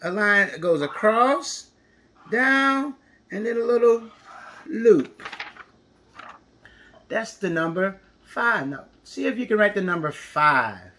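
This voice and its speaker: A man's voice: high voice, lively intonation, slow pace, pauses often, sharp tone, slight background noise. A man teaching an interactive counting lesson to young children, encouraging, with exaggerated reactions and lots of questions.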